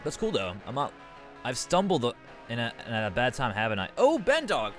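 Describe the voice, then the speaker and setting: A man's voice: medium pitch, big pitch swings, brisk, a bit bright, faint music behind. A man rambling casually on a live stream, restarting his sentences and reading chat aloud into a desk microphone.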